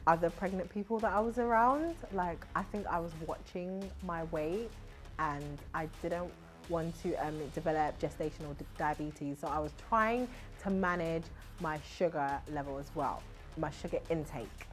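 Chatty british girl vlogging, lowish voice, laughs a lot, soft music under. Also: moderate pace. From Britain. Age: young adult. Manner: chatty, laughs often, self-mocking. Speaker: TV host and vlogger. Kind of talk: casual vlog narration.

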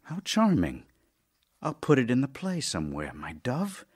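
A medium-pitched male voice, husky and exaggerated, swings hugely in pitch at a slightly slow pace. The actor portrays a middle-aged playwright, witty, weary and affectionate, in a love-letter audio drama, with a dry, teasing, melancholy, theatrical manner. He sounds teasing and tender.

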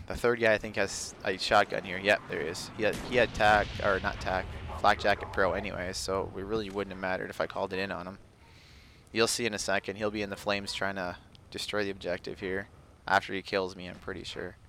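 A man's voice: low-pitched, level tone, a little fast, vocal fry, noisy background. A young man giving casual, rambling commentary over his own gameplay footage, full of fillers. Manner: laid-back, rambling, frequent fillers.

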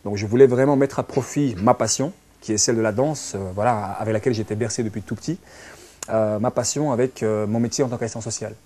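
Speaking fast in a fairly low, steady, slightly mellow voice, this Belgian man in his early thirties recounts his life in French with a Belgian accent. He is an interviewee, working as a dance teacher and social worker, and he frequently restarts sentences with fillers while chatting in a small furnished lounge indoors.

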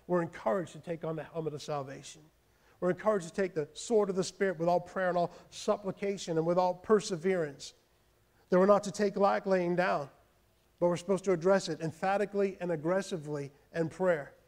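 A man preaching a sermon, animated, acting out loud pleading prayers and calling out to his congregation with repeated phrases. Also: high-pitched, fairly quick. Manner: repeats words, calls out to congregation. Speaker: pastor.

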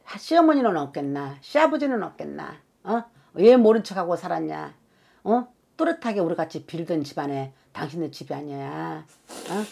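A woman's voice: deep voice, big pitch swings, normal speed, vocal fry, warm tone, slightly rough. A woman fortune-teller giving a reading to clients, talking emphatically and scolding, often tagging her phrases with a questioning "eh?". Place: fortune-teller's consultation room.

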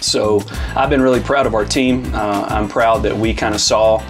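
A man's voice: lowish voice, steady tone, normal speed, soft background music. A man who leads a church, chatting casually and reflecting earnestly in long, loose sentences, from Arizona. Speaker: lead pastor. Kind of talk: casual interview chat.

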